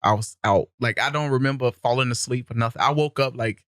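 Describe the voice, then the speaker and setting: A man's voice: medium pitch, brisk, fairly bright tone, dry recording, clean studio sound. A young man, a podcast guest, telling stories in a loose, laid-back way, laughing often. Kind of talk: casual storytelling. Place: podcast studio.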